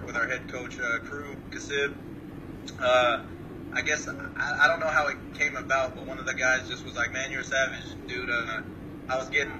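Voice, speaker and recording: A man from Samoa answering interview questions over a remote call, calm and modest, with many hesitant uhs. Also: medium pitch. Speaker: guest fighter. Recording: distant mic with clear background noise.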